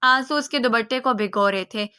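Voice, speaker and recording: Bright-voiced woman narrating a novel. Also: a little high, smooth. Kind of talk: scripted storybook narration.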